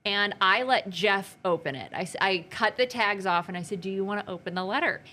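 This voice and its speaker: A woman from Arizona, a news anchor co-hosting a casual podcast, upbeat and teasing with quick comebacks. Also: mid-range voice, bright, forceful tone. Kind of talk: casual chat.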